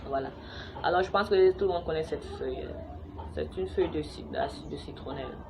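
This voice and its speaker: This is a casual how-to to camera from a young woman from Cameroon explaining a home remedy. She's chatty but halting, filling pauses and restarting sentences, in a quite low voice, while children play and neighbours make noise outside her home.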